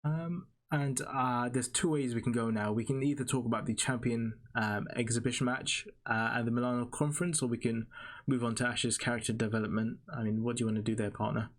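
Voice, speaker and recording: A man's voice: mid-range voice, fairly even intonation, a little fast. Chatty male podcast co-host. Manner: chatty, explains at length with fillers. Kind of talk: casual podcast chat.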